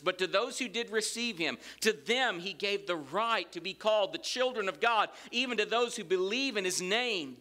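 Preaching to a big sanctuary of empty pews, this middle-aged Southern American man has a voice that sits high. He gestures broadly and stays animated throughout, slipping homespun remarks in between quotes from scripture. A lectern microphone picks him up, though he sometimes wanders off it.

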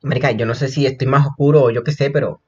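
A young man giving casual, gossipy reaction commentary, excitable and prone to sudden shrieks. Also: mid-range voice, fast talker, slightly rough, dull audio. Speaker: reaction vlogger.

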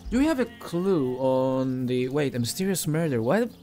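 A man hosting a casual video game playthrough, reacting and thinking out loud as he goes. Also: mid-range voice, very animated, normal speed. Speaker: gaming video host. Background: game music.

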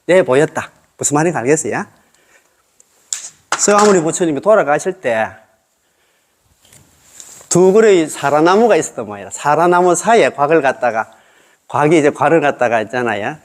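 A man's voice: a little high, animated, normal speed, long pauses. A man, a Buddhist monk, giving a casual dharma lecture and checking in with listeners by asking questions. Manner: chatty, checks listeners with tag questions, chuckles often.

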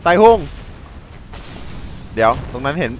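A man with a Thai accent giving casual, excitable commentary over a video game, repeating catchphrases as he plays. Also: medium pitch, a little slow, faint music behind, low-quality recording. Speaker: gameplay commentator.

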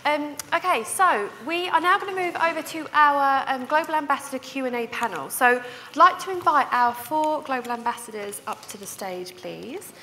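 A woman's voice: high voice, moderate pace, few pauses, pushed and bright, a little hiss or hum. A woman hosting a student panel on stage in a large lecture hall, friendly and full of ums. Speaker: event host. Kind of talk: hosting a panel at a welcome talk. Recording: hall reverb with audience ambience.

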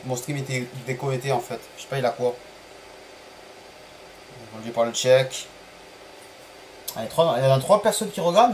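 A man streaming a football management game live, chatting to viewers, apologizing for stream bugs and calling plays with bursts of excitement. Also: mid-range voice, slight background noise, poor audio. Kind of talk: live gameplay commentary.

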